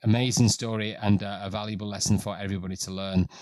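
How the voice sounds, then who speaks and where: A man's voice: flat delivery, fast talker, darkish tone, dry recording. A middle-aged man hosting a live trading stream, commenting casually and reading viewer stories aloud. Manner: reads dramatic passages with rising pitch and force, then comments plainly.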